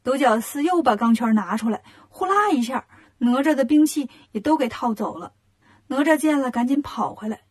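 A woman narrates a children's story with a lively, animated delivery. Her voice sits fairly high and has a slight breathy huskiness. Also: normal speed.

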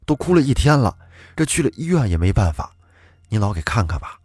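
A man's voice: on the low side, very animated, a little fast, a little mellow, husky, dry recording. A man voicing a worried young working father who speaks urgently and bluntly. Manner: urgent, scolding.

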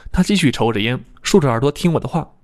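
A man narrating a first-person novel in a lively, comic storytelling manner. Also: fast. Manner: lively comic storytelling, jumps higher for his own quoted lines. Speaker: audiobook narrator.

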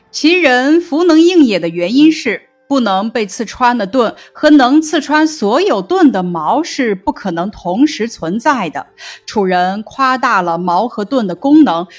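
Slow, lively-pitched woman teaching a lesson. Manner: slow, measured explaining tone, lifting pitch on quoted classical lines. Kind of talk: textbook lesson narration.

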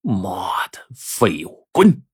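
A male storyteller voicing a ruthless bandit chief who sneers and threatens in a gruff, husky voice. His speech is dry and close, in a spoken folk tale. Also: low-pitched, wildly swooping pitch, very slow, no echo, exaggerated voice. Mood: contemptuous.

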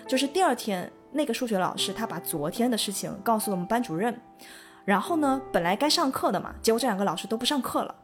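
Fast-talking woman telling a podcast story. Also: on the high side. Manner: lively, laughs often while telling a story. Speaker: podcast co-host. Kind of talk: casual storytelling chat.

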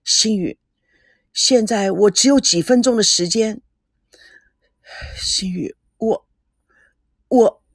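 A woman reading a story aloud, voicing a heartbroken, earnest young groom who is leaving for the army. Her voice is husky and breathy. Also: medium pitch, slow, pauses often, dry recording, clean studio sound. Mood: pleading.

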